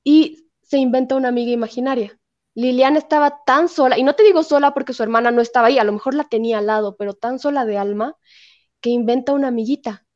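A woman's voice: fairly high pitch, fast talker, darkish tone, lo-fi sound. A woman, a guest telling a story emphatically and acting out the quotes she repeats. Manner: emphatic, voices quotes expressively. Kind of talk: animated storytelling in interview.

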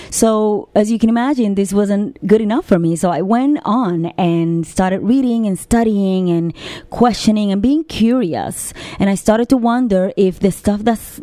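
A woman's voice: medium pitch, dark tone, no echo. A woman from Puerto Rico, a health coach, telling her story earnestly as an interview guest.

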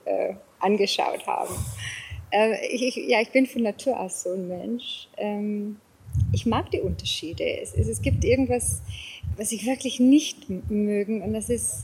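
A middle-aged or older South African woman speaks German with an English accent and some Bavarian touches as a guest in a casual interview. She is hesitant, searches for words and repeats phrases. Her voice is medium-pitched, darkish and breathy, and the recording quality is low.

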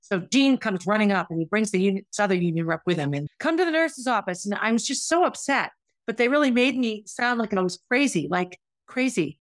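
A woman's voice: medium pitch, fairly quick, no echo. Middle-aged woman, candid and emotional, solo storytelling host, dry close sound. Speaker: podcast host, former teacher. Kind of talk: personal storytelling monologue.

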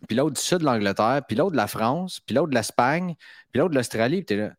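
A man's voice: mid-range voice, animated, brisk, no room sound, studio quality. A man with a Québécois accent hosting a casual podcast interview, chatty, with frequent stumbling restarts. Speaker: podcast host.

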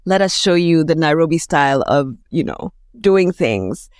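A woman's voice: low-pitched, lively intonation, unhurried, no room sound, clean studio sound. A woman with a Kenyan accent speaking reflectively and expressively as an interview guest.

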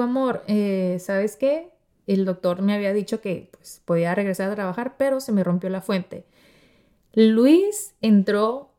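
A woman in her thirties hosting a podcast, telling a personal story in a casual, animated way and acting out the voices of the people she quotes. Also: mid-range voice. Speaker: podcast host.

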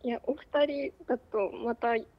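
High, nervous, very polite young woman. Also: steady tone, normal speed, vocal fry. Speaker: phone-in listener. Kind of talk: polite, hesitant phone chat. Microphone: telephone. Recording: muffled phone-line sound.

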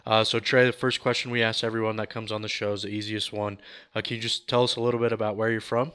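Male interview host, quick and smooth, low-ish voice. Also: little pitch movement, pushed and bright. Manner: friendly, asks questions. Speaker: podcast host. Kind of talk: casual interview.

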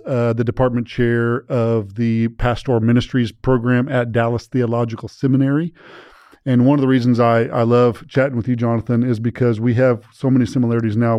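A man who is both a podcast host and a university president chats casually in a loose, upbeat way, poking fun at himself. His mid-range voice is mellow. The recording has no room sound and the highs are cut off.

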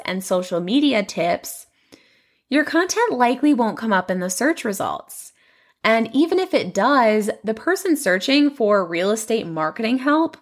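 A young woman hosting her own podcast, chatting in a casual, upbeat way with lots of "you know" fillers. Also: fairly high pitch. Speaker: podcast host.

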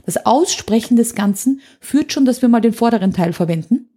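A woman's voice: on the high side, lively intonation, brisk, mellow, slightly rough. A woman, an anger coach talking in an interview, explaining emphatically with vivid examples. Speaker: anger coach, podcast guest. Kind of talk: conversational interview.

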